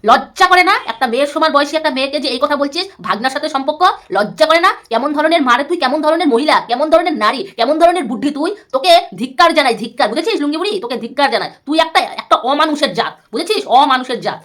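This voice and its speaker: Fast, shrill scolding woman. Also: expressive, fairly bright tone. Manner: scolding, insulting, repeats herself a lot. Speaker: YouTuber. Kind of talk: angry roast rant to viewers.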